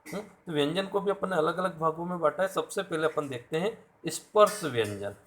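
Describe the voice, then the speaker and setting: Man, teacher, slightly high voice, patient, repeats each sound slowly. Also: lively intonation, a bit bright, slight background noise. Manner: patient, repeats sounds aloud, asks the class questions. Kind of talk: classroom lecture.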